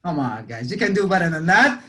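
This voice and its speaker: A man's voice: a little high, fairly quick, husky. Upbeat man quizzing his audience. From Lebanon. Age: 40s. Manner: energetic, quizzes the audience, frequent "you know". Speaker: real estate sales speaker. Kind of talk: interactive motivational talk.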